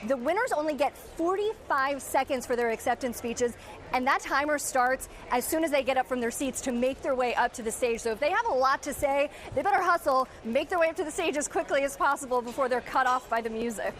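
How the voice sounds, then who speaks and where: An American woman giving a live entertainment news report as a TV reporter, explaining things in a chatty, animated way. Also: high voice, brisk, slight background noise. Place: outdoors on a covered red carpet.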